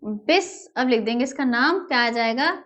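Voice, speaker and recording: Lady teacher, pretty high voice, keeps asking then answering herself, repeats terms over and over. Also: expressive, normal speed, a bit bright. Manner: calls students "beta", repeats key words, asks and answers her own questions. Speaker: chemistry teacher. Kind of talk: whiteboard lesson, explaining step by step.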